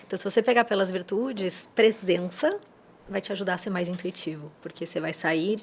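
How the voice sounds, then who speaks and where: A woman's voice: on the low side, fairly even intonation, brisk, background noise. A Brazilian woman mentor, a guest on a podcast, explaining her ideas in a teacherly way with playful asides. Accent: Brazilian Portuguese. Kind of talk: interview answers.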